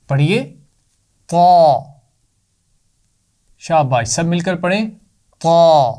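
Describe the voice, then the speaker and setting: A man's voice: on the high side, a little mellow. A man teaching a children's Quran reading lesson, patiently repeating letter sounds for the pupils to copy and praising them often.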